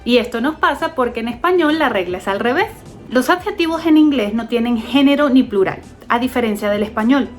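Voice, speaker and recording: A woman giving an online English lesson, explaining step by step and slowly sounding out English example words. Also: on the high side, animated, soft background music. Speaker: English teacher.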